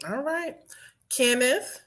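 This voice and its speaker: Hosting a lively online panel show, this woman speaks slowly in a high, fairly bright voice. She chats cheerfully and directly to the women in her audience.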